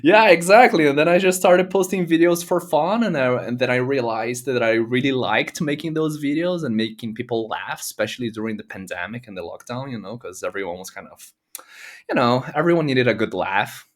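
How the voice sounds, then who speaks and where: A young man from Brazil chatting casually as an interview guest, relaxed, with lots of fillers and easy laughter. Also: mid-range voice, fairly quick. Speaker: guest, comedy content creator.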